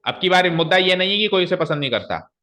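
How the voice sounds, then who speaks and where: Male teacher, classroom grammar lesson, bright tone, explains and asks questions. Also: sits high, lively intonation, quick pace.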